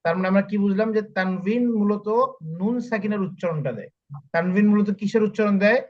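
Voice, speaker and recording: A man with a fairly high voice teaches an online Quran reading class. He spells out each letter and repeats every sound slowly and patiently for his students. His voice comes through as a dull, muffled call recording. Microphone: online call audio.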